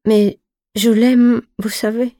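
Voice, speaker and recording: A woman's voice: mid-range voice, level tone, measured pace, mellow, dry recording, studio quality, natural voice. A woman reading the part of a tired thirty-four-year-old woman in love, speaking in an imploring, emotional way. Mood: amoureux. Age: 30s. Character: femme de trente-quatre ans, fatiguée et amoureuse.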